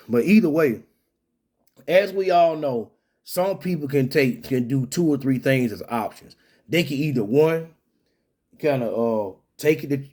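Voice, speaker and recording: Male commentator, mid-pitched voice, loose rambling delivery with frequent restarts. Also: darkish tone. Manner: rambling, many restarts and fillers. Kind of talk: casual solo commentary.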